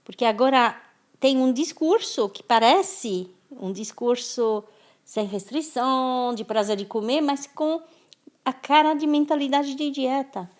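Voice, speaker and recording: A woman's voice: high-pitched, unhurried. A French-born woman speaking as a guest in an interview, thoughtful and often restarting her words. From France. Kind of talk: conversational interview.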